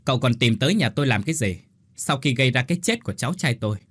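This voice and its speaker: Male narrator as a contemptuous elderly aunt, stern and husky. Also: medium pitch, expressive, very fast, no echo, studio quality. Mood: scornful.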